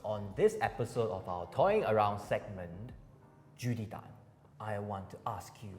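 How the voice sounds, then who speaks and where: A man with a Singaporean accent hosting a casual, jokey chat in a playful, animated manner. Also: on the low side, normal speed. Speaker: host. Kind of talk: casual, jokey interview chat with Singlish particles. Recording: echoey hall-like reverb, music behind.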